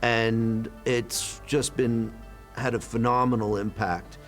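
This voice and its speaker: A man's voice: medium pitch, flat delivery, slow, soft background music. A man interviewed as a foundation representative, explaining in a reflective way with occasional fillers.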